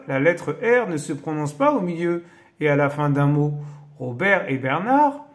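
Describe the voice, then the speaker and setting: A male Bible-teaching video host with a fairly high voice reads aloud in casual religious commentary, often breaking off with awed exclamations. When explaining, he turns hesitant, with many fillers.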